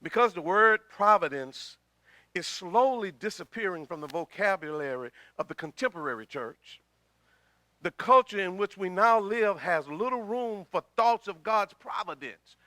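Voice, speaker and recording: A man's voice: high-pitched, animated, normal speed, sharp tone, dry recording. A middle-aged man preaching a sermon as pastor, talking in a conversational way, repeating words and swelling in volume, with a slight cough.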